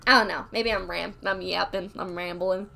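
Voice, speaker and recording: A woman's voice: fairly low pitch, fairly even intonation, moderate pace, vocal fry, sharp tone, a little hiss or hum. A woman livestreaming while drawing, rambling candidly in casual chat, full of filler words, reading chat aloud and reacting.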